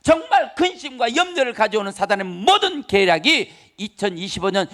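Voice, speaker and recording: A man's voice: very high-pitched, sing-song, moderate pace, a bit bright. A male pastor preaching an emphatic Sunday sermon in a church, repeating key phrases and calling for the congregation's response. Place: church sanctuary.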